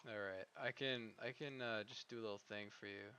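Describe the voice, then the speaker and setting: A man live-streaming a game, talking to his chat in a rambling, profane, excitable way. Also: lowish voice, brisk, a little hiss or hum.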